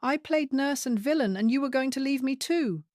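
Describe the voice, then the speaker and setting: A woman voicing a scheming adult daughter-in-law who talks sharp and demanding, rising into shrieks. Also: on the low side, normal speed, dry recording, studio quality, close to an everyday voice. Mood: shrieking.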